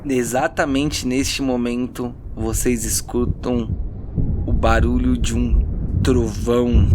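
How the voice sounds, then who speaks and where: A Brazilian man narrates a tabletop role-playing game, blending theatrical, suspenseful storytelling with casual banter. His voice is mid-range, with background noise and loud music playing beneath it.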